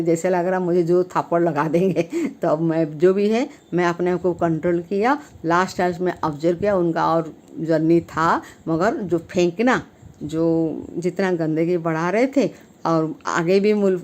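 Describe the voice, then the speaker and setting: On her channel, a woman gives an earnest on-camera talk about civic duty. She stresses points emphatically with frequent jumps in pitch and loudness, and hesitates between phrases with fillers and restarts.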